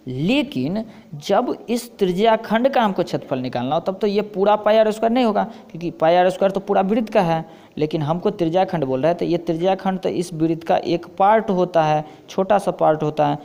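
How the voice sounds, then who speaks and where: A man's voice: fairly high pitch, creaky, warm tone. A man with a Bihari Hindi accent teaching maths, explaining step by step and asking himself questions as he goes. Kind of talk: blackboard lesson.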